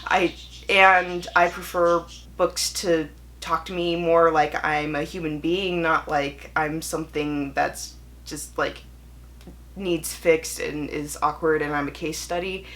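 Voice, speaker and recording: Speaking slowly in a low, fairly bright voice with little pitch movement, a young book reviewer delivers a candid, conversational video monologue. She keeps correcting herself and does impressions of imagined voices.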